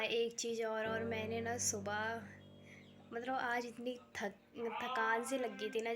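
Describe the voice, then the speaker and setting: A young woman chatting casually in a rambling daily vlog, her throat a bit sore, talking into a handheld phone on a rooftop. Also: fairly high pitch. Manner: chatty, rambling, full of fillers. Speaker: vlogger. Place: home rooftop, outdoors. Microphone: phone held in hand.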